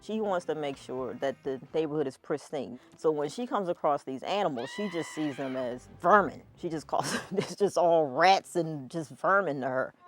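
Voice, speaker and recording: A woman's voice: sits low, animated, moderate pace, hardly any pauses, soft background music. A woman in an interview speaking casually about a film.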